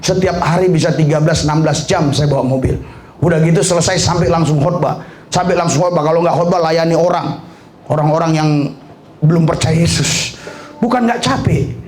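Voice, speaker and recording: A man preaching a lively sermon, animated, breaking into shouts and laughter, with frequent hallelujahs. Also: a little high, brisk, roomy sound.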